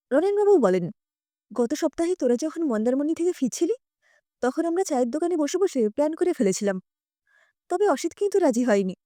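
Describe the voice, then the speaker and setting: A woman reads a family story in an audiobook style, her voice high and animated with a mellow, dark tone. She takes on every character herself, shifting her voice for each one. The sound is dry and close to the mic. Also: no room sound. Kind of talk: scripted audiobook narration.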